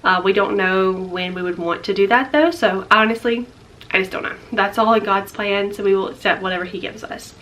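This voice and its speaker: A woman's voice: medium pitch, brisk, a bit bright. A young woman chatting through a casual life update vlog, a little out of breath and rambling with lots of fillers. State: slightly out of breath. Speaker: vlogger.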